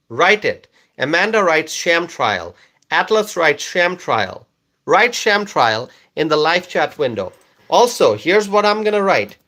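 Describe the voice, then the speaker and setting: A Bangladeshi man with Bengali as his first language hosts a live stream, slowly and repetitively reading out viewer comments to coax engagement. His voice sits a little high and sounds pushed and bright.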